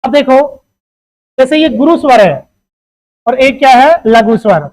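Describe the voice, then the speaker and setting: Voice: high voice, expressive, measured pace, darkish tone, poor audio. A teacher giving an exam-prep grammar lesson. The teacher keeps asking questions, answers them, and calls the listeners "beta.".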